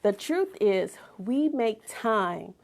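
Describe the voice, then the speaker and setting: Repeating lines for emphasis and now and then sinking into a whisper, a middle-aged motivational author delivers a forceful inspirational speech. Her mid-range voice is very animated, creaky, and darkish, and her pace is slow.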